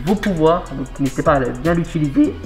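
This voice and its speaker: Young male host, talking through a mask, quick delivery, roomy shop with music behind. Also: fairly high pitch, animated. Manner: speaks through a face mask. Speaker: video host. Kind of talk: energetic challenge vlog presenting and commentary. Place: inside a large video game shop. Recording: roomy shop echo, loud background music.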